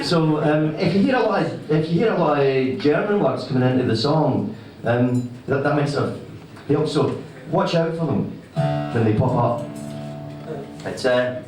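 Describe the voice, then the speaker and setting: Male folk singer, broad Scottish accent, halting casual stage talk, medium pitch, distant and heavily echoing live recording. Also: darkish tone. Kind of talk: casual spoken introduction to a song at a live gig. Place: live venue before an audience. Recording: very echoey live room, distant microphone.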